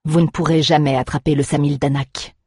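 A man's voice: a little high, flat delivery, a little fast, mellow, husky, no room sound, studio quality. A reader voicing a proud, defiant male outcast who is tied up and taunts his captor, in an audiobook. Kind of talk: audiobook narration.

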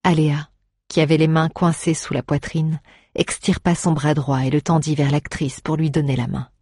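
Husky storybook narrator, measured delivery, dry close mic. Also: medium pitch, flat delivery, darkish tone, no echo. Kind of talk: scripted audiobook narration.

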